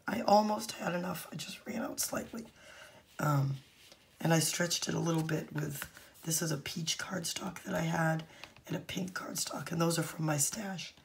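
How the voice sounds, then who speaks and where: A woman with a hoarse, nearly lost voice that often breaks into a whisper, casually walking viewers through a craft project. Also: deep voice, a little hiss or hum. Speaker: craft channel host.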